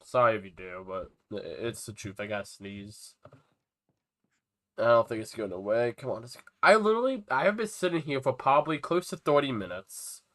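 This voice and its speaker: Sounding stuffy and nasal, as if a sneeze is coming, a young man with an animated, mid-range, slightly bright voice talks at a moderate pace during a casual live game stream. He rambles on to viewers and chats with the creatures in his game.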